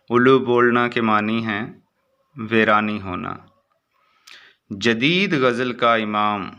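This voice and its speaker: A man reading short exam answers aloud as a teacher, in a steady recitation with brief asides. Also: on the low side.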